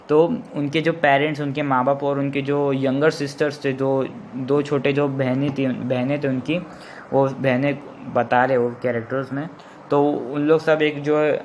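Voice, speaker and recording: A male English teacher explaining a textbook lesson line by line, rephrasing often and reading the English passages slowly. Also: medium pitch, slight background noise, poor audio. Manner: reads English lines slowly and deliberately.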